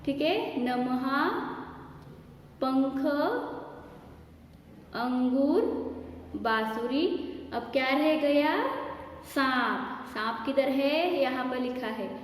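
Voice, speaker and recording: High-voiced woman teaching slowly, echoey room. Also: a little hiss or hum. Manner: asks questions, stretches words out slowly for children. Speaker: primary school teacher. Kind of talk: teaching young children to read. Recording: strongly echoey room with long reverb.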